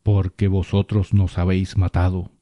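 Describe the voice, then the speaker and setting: A man's voice: low voice, monotone, normal speed, dark tone, dry recording, muffled recording, natural voice. A man voicing a vengeful collective spirit of drowned souls inside a small boy. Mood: menacing. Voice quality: thick, guttural voice. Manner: menacing, taunting.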